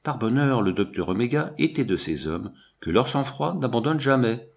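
A man reading an adventure novel aloud as an audiobook narrator, in an expressive, dramatic way. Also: mid-range voice, moderate pace, creaky.

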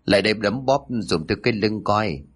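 A man voicing a nagging, sharp-tongued old mother-in-law who scolds and wails melodramatically. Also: lowish voice, expressive, a little fast. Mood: abusive.

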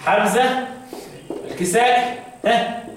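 A man's voice: very high voice, a little slow. A man with an Egyptian accent teaching Quran recitation, quizzing his students and chanting verses between questions. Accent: Egyptian Arabic. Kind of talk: classroom lesson with call-and-response. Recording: echoey room, distant mic.

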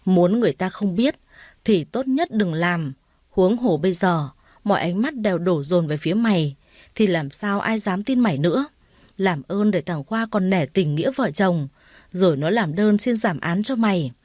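A woman's voice: lowish voice, expressive, moderate pace, darkish tone, no echo, clean studio sound. A woman voicing a bitter, tearful elder sister-in-law who scolds coldly. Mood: scolding.

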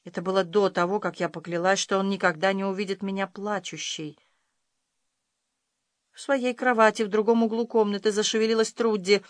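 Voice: mid-range voice, steady tone, fairly quick, no room sound. A narrator reading a first-person audiobook with dramatic, emotional delivery.

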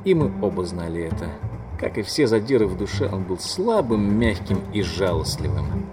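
A man narrating a first-person audiobook in an even, steady reading voice. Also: low voice, normal speed, music in the background.

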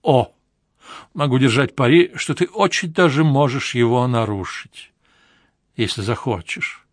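A man's voice: medium pitch, measured pace, no echo, clean studio sound, lightly acted. A man reading an audiobook, voicing a flamboyant, flirtatious woman from show business with a gushing, theatrical manner. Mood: teasing. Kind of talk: audiobook character voice.

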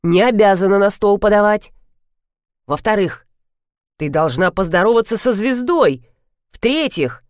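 A woman's voice: medium pitch, expressive, unhurried, long pauses, no echo, studio quality, lightly acted. Woman reading a firm, polite grown man. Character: composed adult son, firm and polite. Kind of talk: audiobook character voice.

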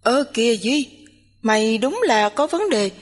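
A woman's voice: fairly high pitch, animated, a little slow. Woman voicing Hoàng Mai, a bossy, teasing young roommate. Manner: nagging, bossy, chattering. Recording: long hall reverb.

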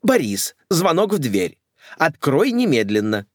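A man's voice: on the high side, wildly swooping pitch, unhurried, no echo, clean studio sound, pitched above the performer's own voice, heavily acted. A man reading an audiobook, voicing a bossy, theatrical elderly society mother who gives commands. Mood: imperious.

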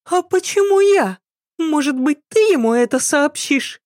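A woman voicing a scheming young maidservant in an audiobook, with a nasal voice and sharp, quarrelsome retorts. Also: high-pitched, lively intonation, measured pace, no room sound, studio quality, voice pushed up. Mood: evasive.

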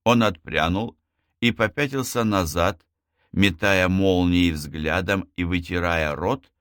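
A man narrating an audiobook as a scripted reading, lifting his pitch sharply on key words. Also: fairly bright tone, no echo, studio quality.

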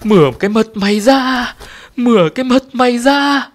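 Shrill possessed mynah bird, screeching threats, far over the top in pitch. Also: male voice, normal speed. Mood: shrieking.

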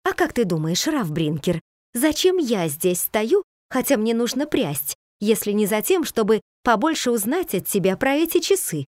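A woman's voice: a little high, very animated, normal speed, a little mellow, dry recording, clean studio sound, voice pushed up. A woman voicing an emotional, outspoken peasant wife who talks in a raised, pleading, reproachful way. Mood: agitated.

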